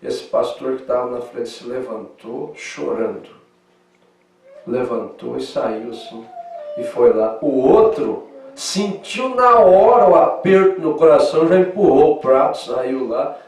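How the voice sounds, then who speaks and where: A man with a southern Brazilian accent preaching in Sunday school, animated, swinging between loud emphasis and soft asides. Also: mid-range voice, a little slow, recorded from a distance, a little hiss or hum. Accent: southern Brazilian Portuguese. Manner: acts out quoted dialogue in lively voices. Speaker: pastor. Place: church hall. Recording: echoey church hall, mic from afar.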